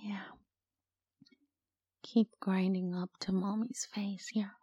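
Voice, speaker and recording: A woman in a whispered intimate audio roleplay, talking slowly in a soft cooing manner close to the microphone. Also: mid-range voice, little pitch movement, slightly rough, dry recording, lo-fi sound. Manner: slow, cooing, mostly whispered.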